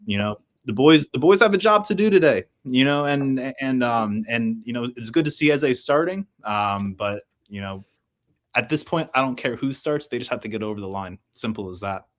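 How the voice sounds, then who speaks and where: A man with a mid-pitched voice gives casual fan punditry on football. He talks haltingly, circling back on himself and leaning heavily on filler phrases as he builds a point. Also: lively intonation. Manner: halting, circling delivery heavy with "you know" and "like".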